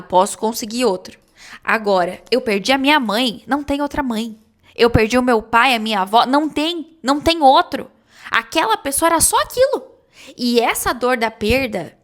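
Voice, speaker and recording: A woman's voice: on the high side, a bit bright. A woman speaking earnestly and reassuringly to her viewers in a heartfelt vlog. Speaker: vlogger. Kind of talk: heartfelt talk to camera.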